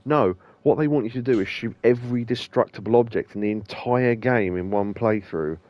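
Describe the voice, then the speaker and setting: A man of medium pitch gives loose let's-play commentary on the game he's playing as a streamer and host, with lots of ums and restarts. He keeps a moderate pace, and the recording is muffled but has no echo.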